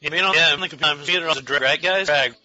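A man casually riffing on a movie with friends, jokey and quick with silly voices. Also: fairly high pitch, pushed and bright, highs cut off, soft background music. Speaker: riffing commentator.

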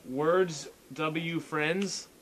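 A man's voice: a little high, fairly even intonation, very slow, a bit bright, a little hiss or hum, low-quality recording. A young man hosting a casual podcast, rambling, stammering and reading posts aloud. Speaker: podcast host. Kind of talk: casual chat.

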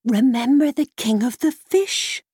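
Enchanted storybook mare, high, slow and hushed, wise adviser, played by a woman storyteller. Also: husky, dry recording, studio quality. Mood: urging.

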